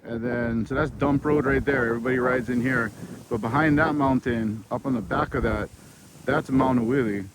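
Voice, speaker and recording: A man's voice: mid-range voice, fairly even intonation, normal speed. A man vlogging casually while trail riding outdoors, laid-back and out of breath, recorded on an action camera. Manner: laid-back, exclaims and swears on rough trail. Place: outdoor dirt trail on a mountain. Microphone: action camera on the rider. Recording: noisy outdoor action-cam audio.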